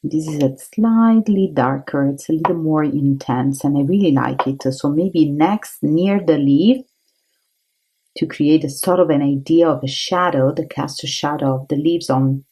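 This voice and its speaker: An Italian-accented woman teaching an art tutorial, chatty and encouraging as she works. Her voice sits low and has a husky, breathy edge. She thinks aloud between strokes. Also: lively intonation, unhurried, dark tone, rough recording. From Italy.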